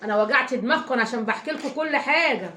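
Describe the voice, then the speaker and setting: A woman's voice: sits high, racing, sharp tone. A woman with an Egyptian accent, a mother telling a long, rambling story to her viewers in a casual vlog, emphatic and full of oaths. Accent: Egyptian Arabic. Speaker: family vlogger, mother. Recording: echoey room, faint background noise.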